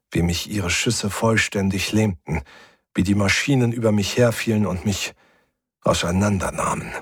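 Man, audiobook narrator, low husky voice, dry close sound, steady gritty telling. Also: no echo. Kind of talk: first-person sci-fi audiobook narration.

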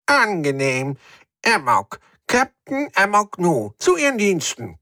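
Casting: a man playing a jittery alien starship captain, bright voice, lively swooping pitch, stammering politeness. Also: slow pace, no room sound, clean studio sound, full character voice. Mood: polite. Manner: flustered, stammering, overly polite. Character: nervous evasive alien captain with a trunk.

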